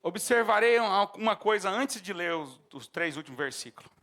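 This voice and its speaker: Preaching a sermon, this pastor speaks with a Brazilian Portuguese accent in a high-pitched voice, a little on the fast side. Every so often he erupts into lively outbursts and dramatized shouting.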